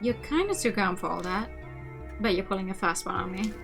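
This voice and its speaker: A woman's voice: medium pitch, animated, fairly quick, vocal fry. A cocky young punk guy from a horror game, played by a woman, talks in brash slang. He acts tough but is easily rattled. Faint music plays underneath. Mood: sceptical, defensive.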